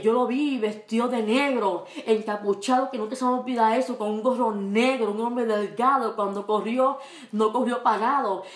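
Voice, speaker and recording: High-voiced woman giving halting testimony. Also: echoey room. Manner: halting, many repeated words and fillers; rises high and loud when reliving fear. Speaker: testifying believer. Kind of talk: emotional religious testimony.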